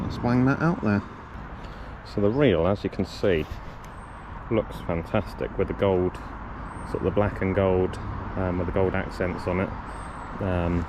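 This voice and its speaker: A man vlogging outdoors by the water, casually talking through his fishing gear with lots of ums, and coughing now and then. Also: lowish voice. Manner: relaxed, rambling, lots of ums and self-corrections. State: coughing a lot. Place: outdoors on a riverbank. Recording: outdoor recording with clear background noise.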